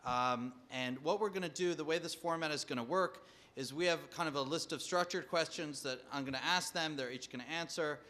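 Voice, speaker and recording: A man's voice: on the high side, brisk, pushed and bright. A man moderating a panel discussion, speaking conversationally with frequent fillers. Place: conference hall.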